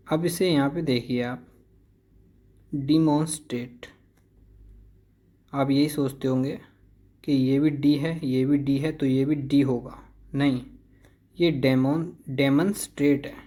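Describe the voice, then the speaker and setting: A man teaching a vocabulary lesson at a very unhurried pace. His voice is dark and mellow. He repeats each word again and again to drill the pronunciation. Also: medium pitch, fairly even intonation. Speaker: English teacher.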